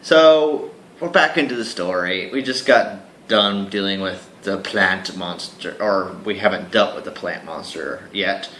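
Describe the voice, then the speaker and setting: A man's voice: low voice, unhurried, reverberant, slight background noise, poor audio. A man hosting a let's play, reading a visual novel aloud and chatting with viewers between lines. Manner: chatty, animated, asides to viewers. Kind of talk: casual game commentary with dramatic reading.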